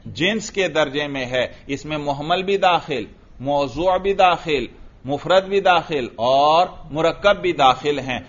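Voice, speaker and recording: A man teaching a class on grammar, reading Arabic text slowly and then explaining it. He keeps asking questions and answering them himself, in a voice a little high for a man. The recording is dull and lo-fi. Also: a bit bright.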